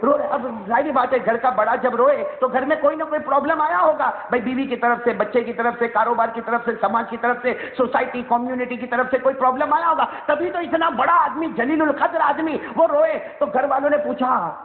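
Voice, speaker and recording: A man with a Mewati-inflected accent preaching a sermon and telling a story with animation. He calls on the listeners to repeat after him and builds up to shouting. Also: very high-pitched, hardly any pauses. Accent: Mewati-inflected Urdu. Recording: echoey hall, tinny lo-fi sound.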